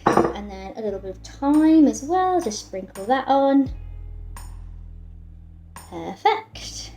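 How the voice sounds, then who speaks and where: Here the same home cook's high, warm voice moves slowly and swings widely in pitch as she cheerfully talks through the dish she's making. It's a casual, friendly recipe presentation recorded indoors in a spacious kitchen, with music playing and dishes clattering.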